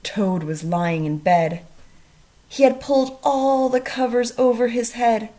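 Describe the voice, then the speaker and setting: A woman speaking as a first grade teacher in a children's read-aloud, expressive and putting questions to the listener. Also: a little high, unhurried.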